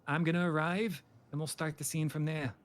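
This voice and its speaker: A man with a notably high-pitched voice guiding a game roleplay as an interviewer. He talks in a loose, rambling, chatty way and throws himself into goofy comic bits. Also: steady tone, fairly quick. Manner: chatty, rambling, slips into panicky comic yelping. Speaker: interviewer running a roleplay scenario.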